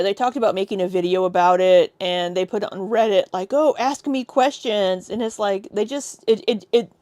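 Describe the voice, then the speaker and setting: A woman's voice: on the low side, a little mellow, dry recording. A woman co-hosting a casual livestream chat, blunt and sweary, reading out viewer comments. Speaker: co-host.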